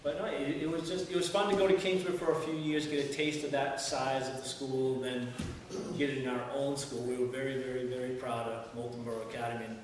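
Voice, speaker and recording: A man's voice: medium pitch, little pitch movement, brisk. A man in his fifties from New Hampshire, telling casual childhood stories to a small group, chatty and good-humored with lots of fillers. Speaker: speaker at an oral history gathering. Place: wood-paneled old town meeting hall. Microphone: far camera. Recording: echoey hall from far off, noisy.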